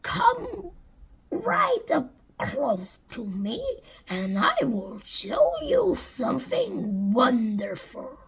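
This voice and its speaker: A woman voicing a small, mysterious old man who speaks slowly in a creaky whisper. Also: sits high, wildly swooping pitch, full character voice. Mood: beckoning.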